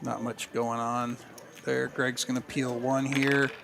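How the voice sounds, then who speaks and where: A man giving live poker commentary as play-by-play, in a measured, halting delivery with pauses as he thinks. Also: mid-range voice, flat delivery, creaky, music in the background, low-quality recording.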